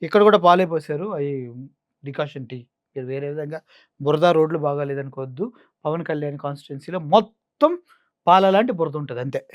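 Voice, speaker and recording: A man's voice: on the high side, dry recording, clean studio sound. A man with a Coastal Andhra Telugu accent giving mocking, sarcastic political commentary. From Andhra Pradesh.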